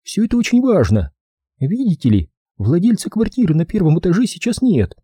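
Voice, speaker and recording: An impatient, sharp-tongued young woman, played by a man reading an audiobook chatters and scolds in a raised, lively voice. Underneath there is a husky, dark grain, and the sound is dry and close. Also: sits high, fairly quick, no room sound, voice pushed up, full character voice.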